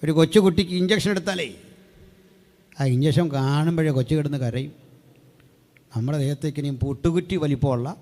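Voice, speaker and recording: A man preaching a Pentecostal sermon in a conversational way, often checking that listeners follow, with sudden loud emphatic bursts. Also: a little high. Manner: animated, conversational, asks listeners if they follow.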